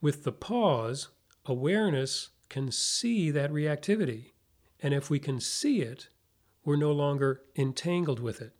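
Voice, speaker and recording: A man narrating a guided meditation like a sleep story narrator, giving gentle, unhurried instructions with long pauses. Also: on the high side, animated. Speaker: meditation teacher.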